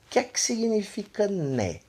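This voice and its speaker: A man's voice: high-pitched, wildly swooping pitch, normal speed, warm tone, slightly rough. A man from Pernambuco with a Northeastern Brazilian accent, teaching an online English lesson and filling his explanations with "né" and "tá". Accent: Northeastern Brazilian Portuguese. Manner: explanatory, repeats "né" and "tá" constantly.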